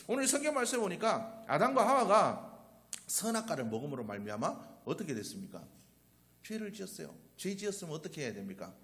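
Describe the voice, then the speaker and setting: A man preaching a sermon as a pastor, asking the congregation rhetorical questions and answering them himself, his voice surging loud on repeated phrases. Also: mid-range voice. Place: church sanctuary.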